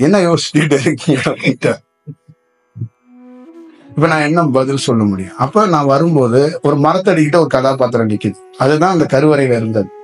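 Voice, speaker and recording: A man giving a rambling spiritual discourse as a teacher, often asking his listeners rhetorical questions. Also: mid-range voice.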